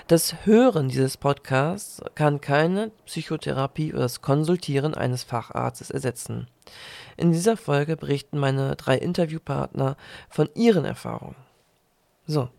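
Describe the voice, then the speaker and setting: A woman hosting a podcast, reading her introduction from a script and then asking her guests calm questions. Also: low-pitched, gravelly, dry recording. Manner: reads announcements, then asks calm questions. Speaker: podcast host.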